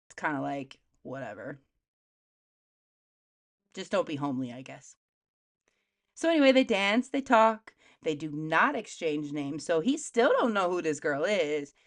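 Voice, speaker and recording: A woman retelling a fairy tale as sarcastic comedy, casual and slangy, with quick asides. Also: low-pitched. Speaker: comedic storyteller.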